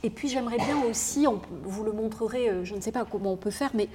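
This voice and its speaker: A woman's voice: on the high side, fast talker, background noise. A woman interviewing a poet in a literary talk, speaking thoughtfully with frequent hesitations and fillers.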